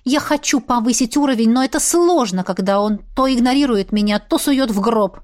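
A woman voicing a sharp-tongued young woman studying magic, exasperated and defiant, her voice pushed higher. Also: lively intonation, normal speed, natural voice. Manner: exasperated, defiant, raised pitch. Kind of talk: audiobook character reading.

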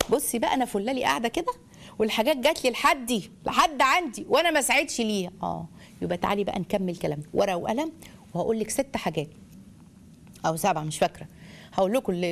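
A woman with an Egyptian Arabic accent delivers a religious lecture to wives, talking at a brisk clip. Her voice sits a little high. She keeps it animated, firing rhetorical questions and calling her listeners her daughters. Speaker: Islamic family lecturer.

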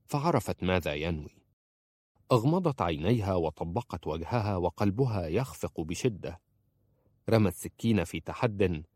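A man narrating a romance novel as an audiobook in a dramatic, expressive way. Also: low voice, no echo, studio quality.

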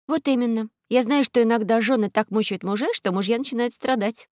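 A sensible, quick-witted girl adventurer, voiced by a woman narrator. She speaks a little higher and more briskly than the narration, firmly practical. The recording is dry and close. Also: no echo, natural voice.

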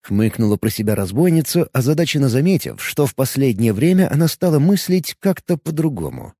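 A male narrator reading fantasy fiction aloud with expressive storytelling. His voice moves lively up and down and has a mellow, warm colour. The recording is close and dry. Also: medium pitch, a little fast, slightly rough, no room sound. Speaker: audiobook narrator.

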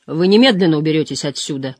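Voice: medium pitch, animated, quick pace, close to an everyday voice. A reader doing a firm innkeeper. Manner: quiet and firm, gruff. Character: middle-aged male innkeeper, stubborn and protective. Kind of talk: audiobook reading.

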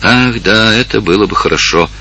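A man's voice: fairly low pitch, moderate pace, slightly rough, full character voice. A man voicing a kind and earnest young woman, a village elder's daughter, in an audiobook. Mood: earnest, concerned. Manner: warm, earnest, emotional.

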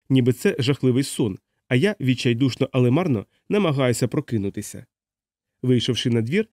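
A man reads a novel aloud in first person, with a steady, measured delivery. His pitch sits mid-range for a man. The recording is dry and close, with no room sound. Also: no echo. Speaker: audiobook reader. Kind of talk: first-person audiobook narration.

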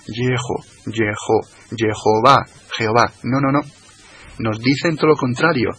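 Hoarse man explaining slowly. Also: medium pitch, fairly bright tone. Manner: slow, repeats and spells out words. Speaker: guest expert on religion. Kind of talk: explanatory radio talk.

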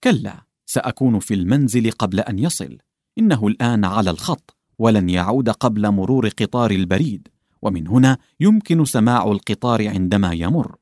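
A man voicing an anxious young peasant wife who talks in hurried, fretful pleas. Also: fairly low pitch, lively intonation, darkish tone, dry recording, studio quality, close to an everyday voice. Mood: reassuring.

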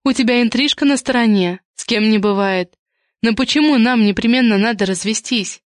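A woman's voice: a little high, normal speed, dry recording, studio quality, natural voice. A woman reading the part of a sarcastic wife in an audiobook, cool and cutting. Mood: mocking.

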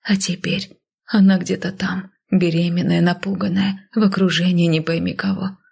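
A woman narrating a first-person audiobook in a breathy, half-whispered, emotional telling. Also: on the low side, flat delivery, moderate pace, darkish tone.

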